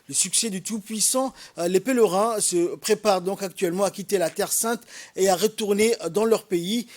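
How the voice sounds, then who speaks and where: A man reading the news as anchor, measured and formal, pausing often with "euh" between phrases. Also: high-pitched, darkish tone.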